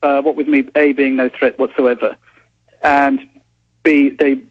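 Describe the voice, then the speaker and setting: A man's voice: mid-range voice, level tone, unhurried, breathy edge. An English man calling in by phone from a police station, flustered, apologetic and wry. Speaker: reporter calling in. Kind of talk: phone interview. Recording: dull phone line, noisy crowd.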